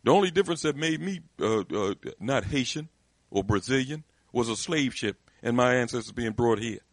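Man, gravelly voice, dry recording, emphatic, impassioned discussion. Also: medium pitch, lively intonation, normal speed, no echo. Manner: emphatic, repetitive restarts, rising intensity.

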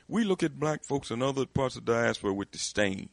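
Speaking briskly in a mid-range, gravelly, animated voice, a man pushes his views with emphatic conviction in a passionate discussion. He keeps restarting his sentences as the intensity climbs, and the audio has no echo.

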